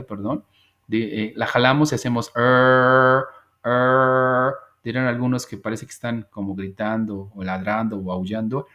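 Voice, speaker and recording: A man teaching an English class over a video call, patient and repetitive as he drills pronunciation. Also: fairly low pitch. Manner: patient, drills pronunciation slowly and repeats words. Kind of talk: online class lesson.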